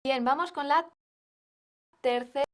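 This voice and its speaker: Female English teacher, slightly high voice, slow scripted lesson delivery. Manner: slow, careful, models English phrases.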